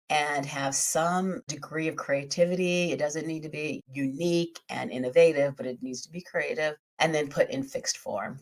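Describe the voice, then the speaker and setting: A woman with a slightly hoarse, scratchy voice, hosting a podcast and methodically explaining a topic through lists and examples. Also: low voice. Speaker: podcast host.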